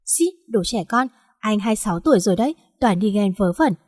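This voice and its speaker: A woman's voice: mid-range voice, expressive, fairly quick, darkish tone, dry recording, clean studio sound, lightly acted. A woman voicing a feisty, defiant teenage schoolgirl. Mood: sassy.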